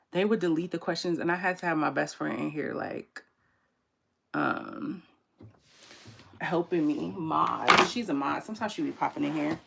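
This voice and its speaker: Woman, tarot reader, casual livestream chat, slangy, somewhat low voice, creaky fry. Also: fairly bright tone. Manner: chatty and slangy, reads viewer comments aloud.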